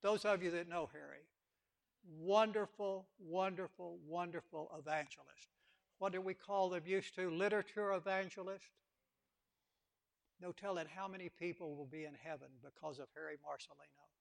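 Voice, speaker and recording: A man's voice: sits high, moderate pace, creaky. A man preaching a sermon with passion, repeating words for emphasis and acting out quotes.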